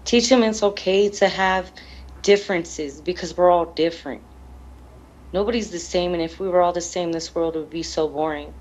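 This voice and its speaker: A bereaved mother answers interview questions in a low, darkish voice, and the audio sounds dull. Grieving, she speaks earnestly, emotionally and plainly, often repeating her phrases.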